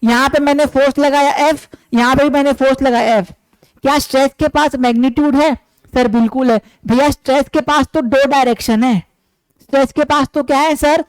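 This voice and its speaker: A man's voice: very high-pitched, steady tone, a little fast, no room sound, poor audio. A man teaching a physics class who keeps asking questions and answering them himself, calling his listeners his dear students.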